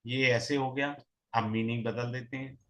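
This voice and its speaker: A man's voice: mid-range voice, steady tone, normal speed, fairly bright tone. A man teaching astrology in a recorded lesson, mixing in English terms and asking the class questions that he answers himself. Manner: mixes in English terms and repeats key phrases. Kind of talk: recorded online lesson, explaining step by step.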